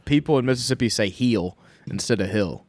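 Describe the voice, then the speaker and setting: A man's voice: lowish voice, lively intonation, brisk, a little mellow, no echo. A man co-hosting a podcast in casual, joking chat, with profane, teasing banter. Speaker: podcast co-host.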